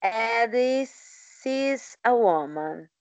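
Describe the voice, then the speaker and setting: Woman student on a video call, very slow and hesitant, dry close sound. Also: fairly high pitch, animated, dry recording, muffled recording. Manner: slow, careful, hesitant reading aloud.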